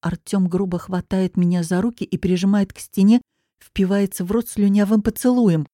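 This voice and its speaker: A woman narrating a first-person audiobook with dramatic, expressive storytelling. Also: mid-range voice, normal speed, no room sound, clean studio sound.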